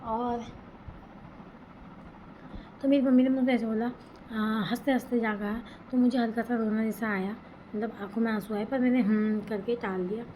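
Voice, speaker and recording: Chatty young woman with a high voice. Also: fairly even intonation, normal speed, pauses often, dark tone, low-quality recording. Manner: chatty, rambling, emotional. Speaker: vlogger. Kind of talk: casual storytelling vlog. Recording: background noise.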